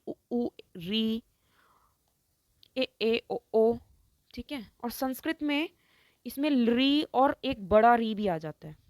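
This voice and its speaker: Slow, careful Hindi grammar teacher. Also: female voice, fairly high pitch, no echo. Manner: slow, explains step by step, keeps asking "ठीक है"; says each example word slowly and distinctly. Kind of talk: online lesson.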